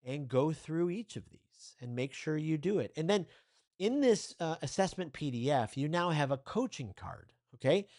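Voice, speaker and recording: A man's voice: fairly high pitch, expressive, moderate pace, darkish tone. A man teaching a recorded training lesson as a communication coach, speaking straight to the viewer in an upbeat, encouraging and loosely conversational way. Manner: loose and conversational, with fillers and restarts. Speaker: communication coach, course instructor.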